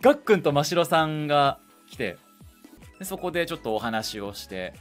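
A male streamer casually recounting a story, animated and playing other people's lines in a higher voice. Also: moderate pace, faint music behind.

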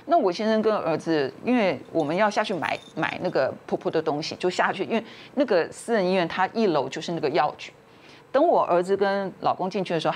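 A woman, a talk show guest telling a family story and acting out the quarrels in raised voices. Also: on the low side.

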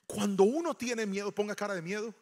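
A Colombian pastor preaching to his congregation, with loud swells and sudden quiet asides. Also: sits high, brisk, slight background noise. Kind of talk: sermon. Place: church hall before a congregation.

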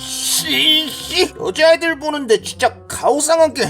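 A woman's voice: sits high, unhurried, a bit bright. Woman voicing a cocky teenage boy bully. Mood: taunting threatening. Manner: rude, taunting. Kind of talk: animated story voice acting. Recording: background music under voice.

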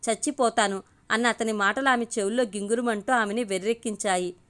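A woman storyteller narrating a scripted audio story in a steady, expressive reading. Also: medium pitch, fast talker.

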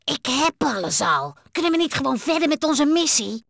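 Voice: high voice, big pitch swings, moderate pace, creaky, heavy background noise, exaggerated voice. A performer voicing a small dragonfly sidekick in a video game, cheeky, boastful and complaining but loyal, buzzing between lines. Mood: anxious. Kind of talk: animated video game voice acting.

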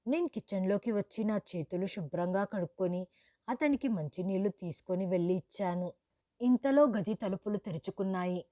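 A woman narrating a first-person story in a steady, even reading voice. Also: medium pitch, dry recording, clean studio sound.

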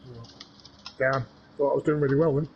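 A man's voice: mid-range voice, steady tone, brisk, dull audio, noisy background. A man joking about his own driving while sim racing with friends over voice chat. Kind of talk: casual chat over team voice chat.

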